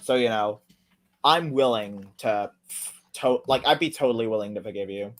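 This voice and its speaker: A man's voice: lowish voice, normal speed, a bit bright. A man hosting a casual commentary, reading out tweets and answering them sarcastically and heatedly, with frequent swearing. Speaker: commentary video host.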